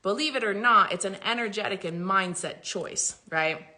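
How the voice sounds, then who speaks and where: Laughing often and swearing liberally, a woman spiritual coach talks emphatically and casually to her followers in livestream fashion. She speaks at normal speed in a medium-pitched voice that sounds pushed and bright.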